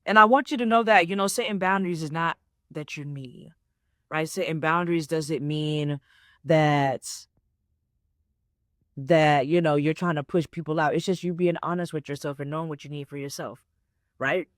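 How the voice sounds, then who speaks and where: Her voice sits low and a bit bright, moving at normal speed. She's a life coach in her twenties hosting a motivational podcast alone, chatting casually, checking in with "right?" and "okay?", and repeating key points. The studio-quality recording has no echo.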